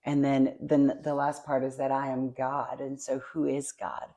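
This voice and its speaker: Soft, low-voiced woman podcast co-host. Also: monotone, measured pace. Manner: soft-spoken and reflective, with many fillers.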